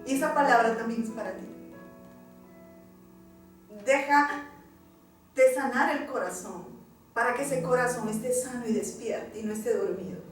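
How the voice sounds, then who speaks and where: High-voiced woman pastor preaching. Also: moderate pace, pauses often. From Peru. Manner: emotional testimony, addressing the congregation. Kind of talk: sermon. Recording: echoey church hall, distant mic, faint music.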